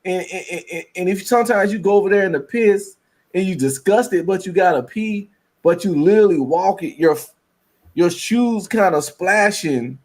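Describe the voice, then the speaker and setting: A man's voice: high voice, normal speed, a little mellow. A man chatting loosely and rambling, laughing between lines. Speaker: podcast co-host. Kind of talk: casual chat.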